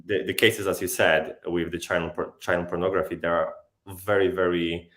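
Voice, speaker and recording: A man hosting a livestream, speaking haltingly and often restarting as he searches for words. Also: sits low, flat delivery, a bit bright. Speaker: host. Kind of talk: livestream interview.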